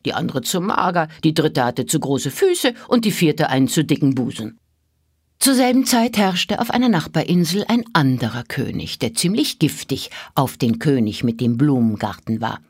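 Brief: woman narrating a children's story, low, husky, very lively intonation. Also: moderate pace, dry recording, clean studio sound. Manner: expressive, melodic storybook delivery.

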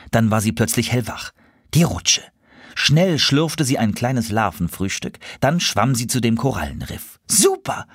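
A man with a low, somewhat husky voice reads a children's story aloud. His delivery swoops expressively up and down. The sound is dry and close. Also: no room sound.

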